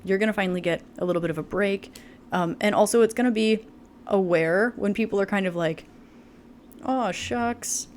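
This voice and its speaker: A woman's voice: mid-range voice, fast, darkish tone, a little hiss or hum. A woman giving a casual tarot reading to camera, chatty and full of fillers, laughing often. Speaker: tarot reader.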